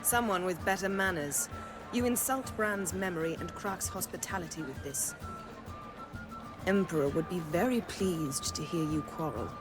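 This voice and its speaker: A woman's voice: lowish voice, normal speed, over music, natural voice. A woman voicing a cool, poised sorceress. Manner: composed, crisp, reproachful.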